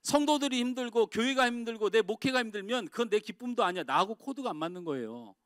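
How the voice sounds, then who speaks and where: A middle-aged man preaching a sermon as pastor in a church. He swings from loud, emphatic outbursts to quiet, confiding asides. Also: very high-pitched, animated, quick pace, no room sound, clean studio sound. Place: church sanctuary.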